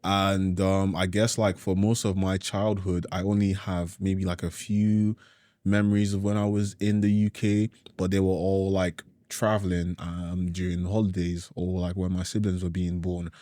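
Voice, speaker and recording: A young man from Nigeria hosting a podcast, chatting casually in a relaxed, slangy way and saying "bro" often. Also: low-pitched, normal speed, no echo, studio quality. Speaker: podcast host. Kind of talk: casual chat.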